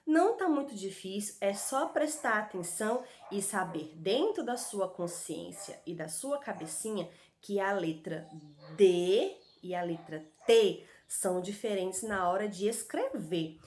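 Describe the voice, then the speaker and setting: A woman with a Brazilian Portuguese accent giving an online lesson to young children, sounding out syllables slowly in a sing-song, affectionate way. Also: medium pitch. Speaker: primary school teacher. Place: home recording with street dogs barking outside.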